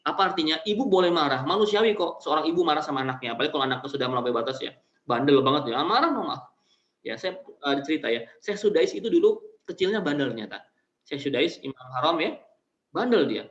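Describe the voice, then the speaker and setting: A man's voice: fairly high pitch, lively intonation, quick pace, fairly bright tone. A male Islamic preacher, giving an online study sermon to mothers in a chatty, way, often adding "ya" and speaking straight to his listeners. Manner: chatty, colloquial, addresses listeners directly with frequent "ya". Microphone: video call. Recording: roomy, dull lo-fi video call audio.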